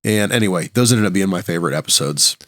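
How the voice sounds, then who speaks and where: A man co-hosting a podcast in casual chat, relaxed and amused as he shares his favorite moments. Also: deep voice, fast, no echo. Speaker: podcast co-host.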